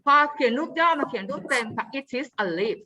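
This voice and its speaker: A woman teaching English to young pupils, modeling words slowly and coaxing the class to repeat after her. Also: high-pitched, expressive, a crowd in the background. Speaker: primary school English teacher. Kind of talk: online class drilling vocabulary.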